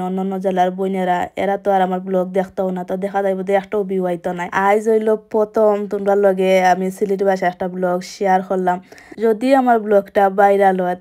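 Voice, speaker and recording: A young woman speaks with a Sylheti accent in a chatty, matter-of-fact way. Her pitch sits in the middle and stays level, with little rise or fall. She sounds like she is talking while busy at home. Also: warm tone. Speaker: vlogger. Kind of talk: casual home vlog narration. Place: home kitchen.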